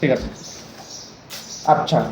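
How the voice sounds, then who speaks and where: A man leading a training session for teachers, coaxing and often asking for agreement. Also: slow. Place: training room. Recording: echoey room, dull lo-fi, noisy.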